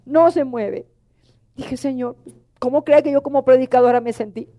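Middle-aged lady preacher, high mellow voice, pleading and emotional sermon to the church. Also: normal speed. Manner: emotional, pleading, addresses the congregation as brothers.

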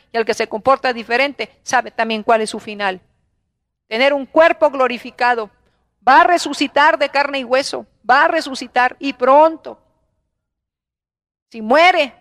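Woman, Mexican Spanish accent, fiery Bible class preacher, high-pitched, dry close sound. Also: a bit bright, no echo. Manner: fervent, scolding, rhetorical questions.

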